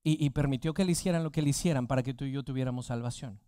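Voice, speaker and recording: A man's voice: medium pitch, racing, warm tone, clean tone, no room sound, studio quality. A man preaching a sermon as pastor, asking the congregation rhetorical questions.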